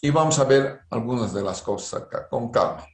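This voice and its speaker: A middle-aged Bolivian Spanish-accented man lectures on engineering in an online university class over video call, frequently using rhetorical "¿no es cierto?" tags. His mid-range voice is expressive with a darkish tone, at a moderate pace, and the sound is reverberant.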